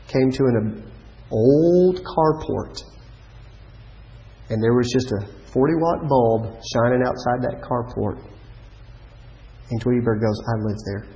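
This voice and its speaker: A middle-aged man delivers a storytelling sermon in an everyday mid-range voice. He narrates with animation, then sinks low and quiet for emphasis. The recording is muffled and lo-fi, as on an old church tape. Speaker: preacher.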